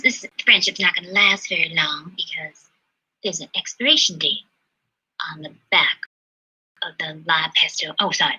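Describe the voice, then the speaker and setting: A woman performing a solo comedy monologue, chatty, swinging between loud exclaims and hushed asides. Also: fairly low pitch, breathy edge. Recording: dull lo-fi livestream sound.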